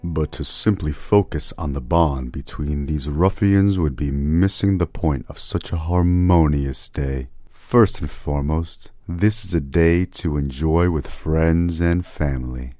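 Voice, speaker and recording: A man's voice: extremely low pitch, a little slow, hardly any pauses, warm tone, dry recording, clean studio sound. A man narrating a documentary in a wry, mock-grand scripted style.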